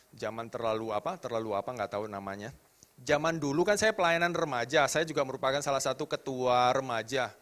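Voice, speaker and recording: A man in his thirties preaching to a youth congregation, animated, asking the crowd questions. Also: a little high. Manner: animated, rising to loud emphatic questions, drops to soft tender tones. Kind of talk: sermon to youth.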